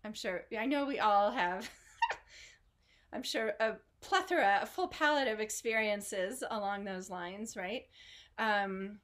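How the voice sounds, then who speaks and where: A woman at a middle pitch chats casually with an online group from home over a video call microphone. Her talk wanders, with plenty of fillers and restarts and the odd small laugh. She sounds relaxed and loose, like someone catching up with friends. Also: takes it slowly. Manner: rambling, chatty, with many fillers and laughs. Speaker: online art studio host.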